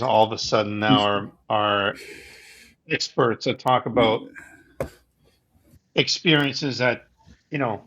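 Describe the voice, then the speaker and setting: Man, co-host, casual chat, halting, lots of restarts, muffled lo-fi sound. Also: on the low side, fairly bright tone. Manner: halting, many likes and restarts. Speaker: podcast co-host. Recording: dull lo-fi sound.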